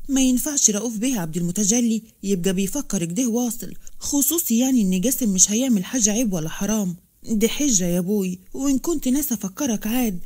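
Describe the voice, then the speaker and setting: A woman's voice: medium pitch, mellow, close to an everyday voice. A woman voicing a defiant young Upper Egyptian husband. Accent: Upper Egyptian Arabic. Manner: pleading, protesting.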